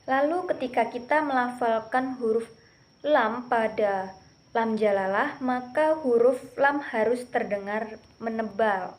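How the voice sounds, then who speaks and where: A young woman explaining how Arabic letters are pronounced for Quran recitation, drilling syllables slowly and carefully, with the examples louder than her explanation. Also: fairly high pitch.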